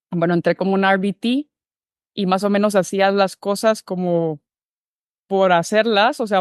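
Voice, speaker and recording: Her voice is smooth and medium-pitched, recorded dry at studio quality. This Guatemalan woman, a behavior analyst, thoughtfully describes her career path in a relaxed interview, with many fillers and restarts.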